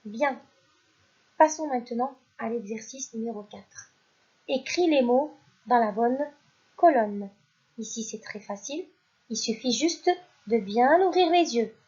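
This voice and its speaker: A woman teaching a primary school phonics lesson, who reads each word out loud twice and praises the children. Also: on the high side, animated, husky, highs cut off. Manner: slow and deliberate, repeats each word and stresses it louder; addresses pupils directly, praising them. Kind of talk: recorded French phonics lesson.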